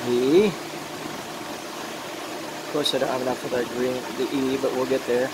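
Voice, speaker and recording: A man's voice: medium pitch, normal speed. A man giving an informal hands-on demonstration, rambling as he talks himself through steps, with slightly mushy, toothless articulation. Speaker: glassworking instructor. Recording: loud steady torch or engine-like noise.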